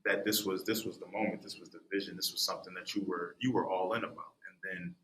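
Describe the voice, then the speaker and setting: A man's voice: low-pitched, little pitch movement, fast talker, bright, forceful tone, slight background noise, poor audio. A man hosting a podcast, asking questions and affirming his guest in a casual, encouraging way. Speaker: podcast host.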